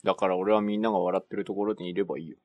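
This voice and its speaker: A man's voice: low voice, fairly even intonation, very fast, no room sound, muffled recording. A young man as a guest on a casual radio chat, joking and offhand.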